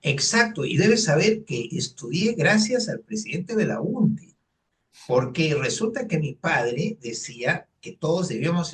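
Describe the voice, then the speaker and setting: His voice is fairly high and a bit bright, picked up by a distant mic. The guest, a sixty-something economist from Lima with a Peruvian Spanish accent, narrates his personal history earnestly and with lots of filler words.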